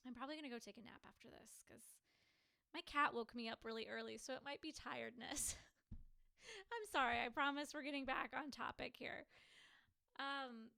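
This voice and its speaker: A woman's voice: on the high side, fairly even intonation, a little fast, creaky, pushed and bright. A woman in her forties, sleepy and yawning, telling a personal story in a rambling, chatty way as a healing coach. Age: 40s. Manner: rambling, chatty, many fillers.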